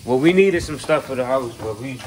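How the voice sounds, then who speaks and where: Frying sizzles loudly as this young vlogger cooks and jokes with his audience, filmed on a handheld phone in his small apartment kitchen. He speaks briskly with lively intonation and a medium pitch that's a little mellow, using plenty of slang.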